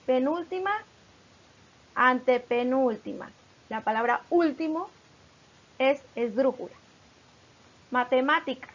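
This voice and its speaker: High-voiced woman teaching a lesson. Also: muffled recording. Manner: patient, stretches out syllables and verses when reading examples. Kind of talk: explaining poetry metrics in a lesson.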